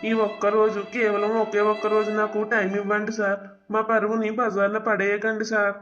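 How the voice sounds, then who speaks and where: A man's voice: high-pitched, completely flat delivery, brisk, a bit bright, dull audio, soft background music. A man voicing a remorseful young son who begs the officer to spare his father. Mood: pleading. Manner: begging, apologetic, repeats sir.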